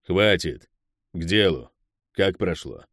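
A man voicing an old, stern crime boss who speaks slowly and curtly, grumbling his orders. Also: low-pitched, expressive, fairly bright tone, no room sound, studio quality, full character voice. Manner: slow, curt, grumbling.

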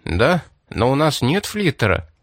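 A man's voice: mid-range voice, big pitch swings, measured pace, no room sound, clean studio sound. A man voicing a wary frontier settler. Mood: guarded.

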